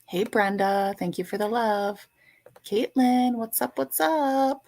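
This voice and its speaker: A woman's voice: a little high, slow pace, darkish tone. An older woman hosting a casual livestream chat, playful and teasing as she greets viewers by name. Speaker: livestream host.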